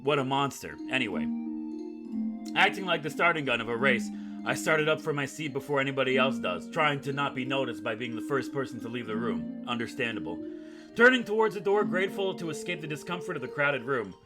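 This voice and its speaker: This gaming video host has an expressive mid-range voice and talks fairly quickly. He performs a visual novel like a dramatic storyteller, breaking off for light, joking asides while music plays underneath.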